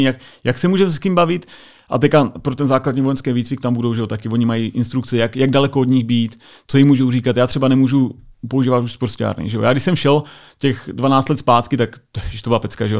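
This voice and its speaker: Man from Czechia, interview guest, casual anecdotes, average pitch, chatty. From Czech Republic. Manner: lively anecdotal telling with constant filler tags. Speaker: guest, US Air Force sergeant.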